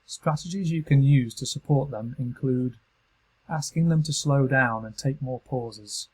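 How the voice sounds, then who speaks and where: A man with a British accent giving calm, measured, scripted narration for a training module. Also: mid-range voice, husky, rough recording. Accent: British English. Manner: calm, measured instructional delivery.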